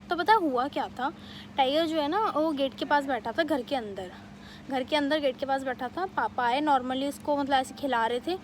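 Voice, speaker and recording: A young woman vlogger telling a family story in a casual, animated way, with many fillers. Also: high-pitched, slight background noise. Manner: animated retelling, quick bursts, many fillers.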